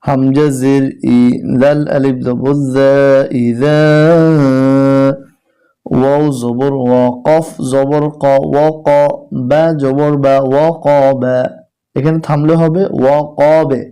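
A man teaching Quran reading, spelling each letter and vowel slowly before reciting the verse. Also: mid-range voice, flat delivery, mellow, clean tone. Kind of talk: slow spelled-out Quran lesson.

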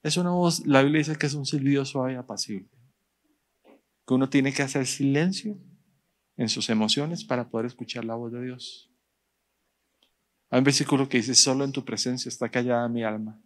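A man, a pastor preaching a sermon in church, speaking directly to the congregation and slowing down to stress his points. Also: medium pitch. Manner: direct, addresses the congregation, rising emphasis and slow stressed phrases.

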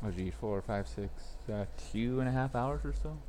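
A young man with a mellow, mid-range voice chats casually with live stream viewers while fixing a phone at his workbench. He speaks at a normal speed, rambling and laughing as he works, with slight background noise.

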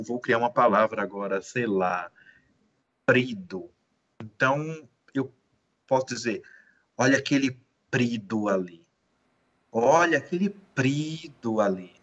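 A man giving a measured, explanatory talk in an educational conversation, often rephrasing himself. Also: medium pitch, a bit bright, highs cut off. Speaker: guest lecturer.

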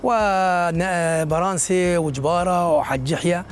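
A man's voice: sits high, fairly even intonation, measured pace, slight background noise. A middle-aged man, explaining local history and geography in an outdoor interview on an open hillside. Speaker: local guide.

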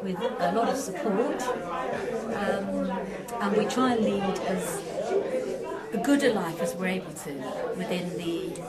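A woman's voice: medium pitch, measured pace, a loud crowd. An older woman in her sixties, speaking earnestly and candidly in an interview from her living room, recorded by a far camera. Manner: earnest and candid, coaxing her husband with rising questions. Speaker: carer of her husband. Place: living room of a home, seated on a sofa.

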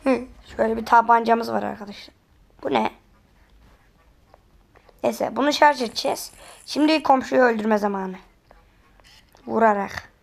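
A woman giving excitable let's-play commentary, often pleading and exclaiming while she plays. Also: fairly high pitch, normal speed, vocal fry, long pauses. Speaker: gamer.

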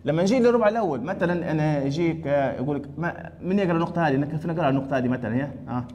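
Libyan guy teaching math to a class, talks quick, dark voice, echoey room. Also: a little high, a little hiss or hum. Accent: Libyan Arabic. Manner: asks students questions and repeats answers. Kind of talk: classroom lesson.

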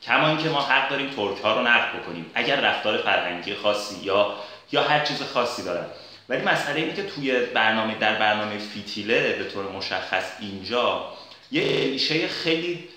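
A man giving an argumentative spoken commentary, pausing often with filler sounds as he builds his case. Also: fairly low pitch, sharp tone. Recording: very echoey room.

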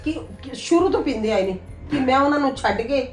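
A woman's voice: high voice, expressive, brisk. An actress playing an older aunt who coaxes and scolds her niece. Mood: coaxing. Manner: coaxing, scolding. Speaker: actor. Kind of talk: family drama acting. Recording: echoey room with music underneath.

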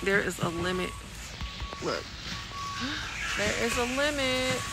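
Speaking slowly in a fairly high, animated voice over loud music, a woman from California vlogs a shopping trip, beginning in a car before heading into a huge warehouse store. She holds her phone camera at arm's length, chatting and repeating items as she notices them. The phone recording is rough, with loud store noise.

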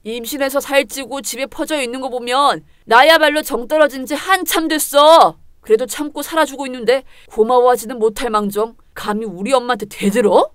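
A woman voicing a selfish, dismissive young husband in a dramatized story reading, using a lowered, blunt voice. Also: a little fast, few pauses, clean tone, no room sound, clean studio sound, close to an everyday voice. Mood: contemptuous. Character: selfish, mama's-boy young husband, contemptuous.

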